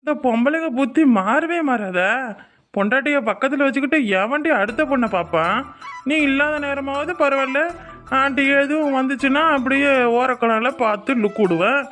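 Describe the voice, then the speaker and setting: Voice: high-pitched, lively intonation, normal speed, a bit bright, faint music behind. A voice actor playing a boastful, playful young husband in a cartoon, bragging and joking with his wife. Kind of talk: cartoon voice acting.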